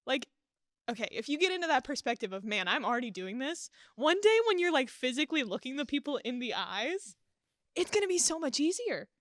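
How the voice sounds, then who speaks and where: A woman's voice: high voice, big pitch swings, no echo. Earnest young woman, dry close sound. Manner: earnest, encouraging, quick to laugh. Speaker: podcast guest. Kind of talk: casual faith conversation.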